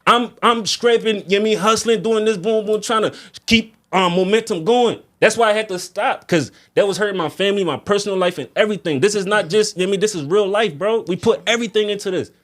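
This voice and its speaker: Man, high voice. Casual slangy venting, repeats himself to drive points home. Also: fast, fairly bright tone. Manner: slangy, emphatic, repeats phrases for stress. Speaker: music artist guest.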